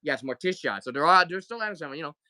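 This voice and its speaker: With a fairly high, bright, forceful voice and lively intonation, this man talks rapid-fire during a casual live toy sale. He is sick with the flu yet chatty, greeting viewers and counting down offers, with no echo.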